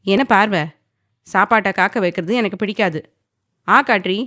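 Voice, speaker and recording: A woman's voice: mid-range voice, normal speed, no echo, clean studio sound, natural voice. A woman voicing a domineering, possessive young man who speaks firmly and commandingly, sometimes teasing.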